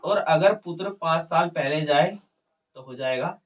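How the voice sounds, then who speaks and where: A man's voice: fairly high pitch, measured pace, recorded from a distance, dull audio. A man explaining maths problems step by step in a video lesson, conversational and often checking whether the students follow. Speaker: maths teacher.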